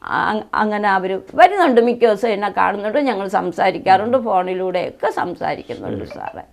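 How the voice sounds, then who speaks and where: A woman's voice: mid-range voice, lively intonation, a little fast, vocal fry. A middle-aged woman, a bereaved mother giving a tearful, pleading interview. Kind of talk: emotional interview testimony.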